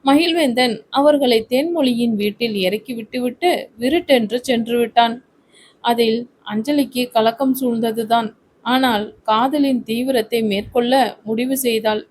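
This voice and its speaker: A woman narrating a romantic family story in a steady, literary storytelling manner. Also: fairly high pitch, slight background noise, poor audio.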